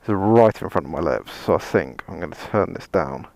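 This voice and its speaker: Man, lowish voice, dry close sound, casual gear demo, rambling, sarcastic, self-deprecating. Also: animated, normal speed, gravelly, a little mellow, no echo. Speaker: motovlogger, presenter. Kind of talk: casual vlog gear demonstration.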